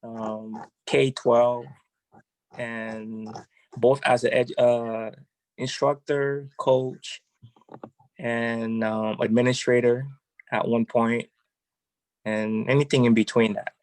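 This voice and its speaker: A man's voice: medium pitch, level tone, slow pace, pauses often, dry recording, low-quality recording. Man from haiti, educator, hesitant with lots of ums, dry close sound. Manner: hesitant, many ums, soft-spoken. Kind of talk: interview.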